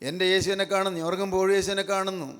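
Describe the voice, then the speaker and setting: This Malayali-accented preacher has a high, fairly bright voice that stays level as he speaks in rapid bursts. The big room carries his sermon, which circles back on its points emphatically and is peppered with praise.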